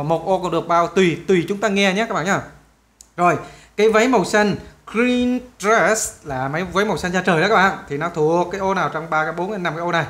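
Speaking in a high, slightly bright voice, a native Vietnamese speaker leads schoolchildren through an English lesson in a relaxed, talkative way. He frequently repeats phrases and slowly spells out questions in English.

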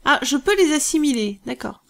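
A woman hosting a let's play, thinking aloud through strategy gameplay in a musing, hesitant way with many pauses. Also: high-pitched, lively intonation, gravelly, a bit bright.

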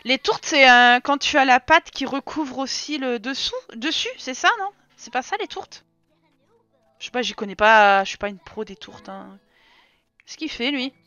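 A woman's voice: sits high, moderate pace, pushed and bright, no room sound, highs cut off, soft background music. A young woman casually commenting while she streams a life-sim game, chatty and scolding her game characters in mock outrage.

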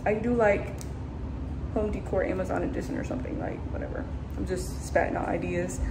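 A young woman in her twenties chatting casually on a vlog in an empty apartment, speaking into a phone held at arm's length, upbeat and full of quick asides. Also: fairly low pitch, fairly even intonation, vocal fry, background noise. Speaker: vlogger. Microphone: phone camera held at arm's length.

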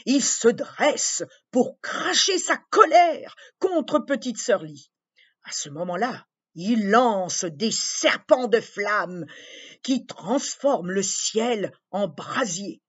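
Woman storyteller, slow, very expressive reading for kids; husky voice, lo-fi sound. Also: medium pitch. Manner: gentle, expressive, addressing children. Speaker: children's storyteller. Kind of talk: reading a children's story aloud. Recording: dull lo-fi recording.

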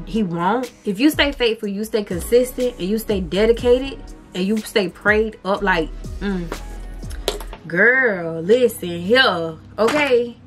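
A woman's voice: medium pitch, a bit bright. A young woman, a beauty vlogger chatting heartfelt to her viewers, calling them "y'all.". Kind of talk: casual chat to camera.

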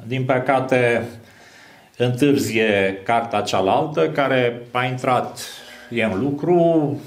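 A man in his sixties, a literary critic, speaking at a book launch in a measured, reflective way with pauses. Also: mid-range voice, reverberant. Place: small hall with a banner backdrop. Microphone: mic on a stand.

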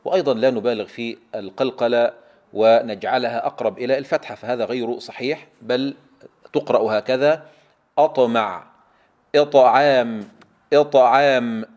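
A man's voice: medium pitch, a little mellow. Emphatic man teaching recitation. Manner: slow, emphatic drilling of sounds, asks students to repeat. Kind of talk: tajweed lesson.

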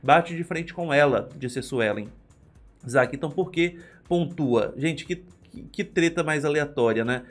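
Brazilian male streamer, slightly high voice, exasperated gossip recaps over faint music. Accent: Brazilian Portuguese. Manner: gossipy, exasperated, quotes the cast in quick recaps. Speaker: live reality show commentator. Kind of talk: live commentary reading chat. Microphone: headphones and desk mic.

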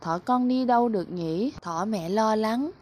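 A woman's voice: on the high side, measured pace. Woman teacher telling a children's story. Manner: clear, expressive storytelling. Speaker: preschool teacher.

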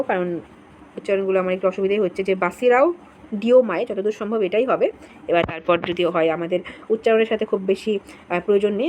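A woman teaching an exam-prep current affairs lesson, patiently going through a list, asking questions and answering them herself, repeating names slowly. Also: a little high, a little mellow, slight background noise, poor audio.

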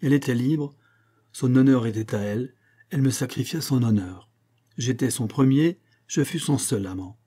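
A man's voice: mid-range voice, moderate pace, mellow, slightly rough, close to an everyday voice. A man reading a stern, commanding medieval king. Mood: confiding. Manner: imperious, stern pronouncements. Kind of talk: audiobook character reading.

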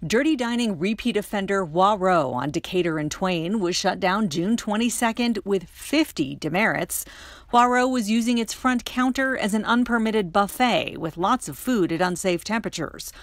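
Middle-aged woman news reporter, scripted voice-over, crisp steady read, dry booth sound. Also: medium pitch, moderate pace, dry recording. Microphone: studio voice-over mic.

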